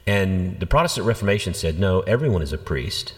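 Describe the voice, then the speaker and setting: Deep-voiced pastor talking in a reverberant room. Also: male voice, brisk. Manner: animated storyteller, acts out quoted voices. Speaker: senior pastor. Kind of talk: conversational church podcast teaching.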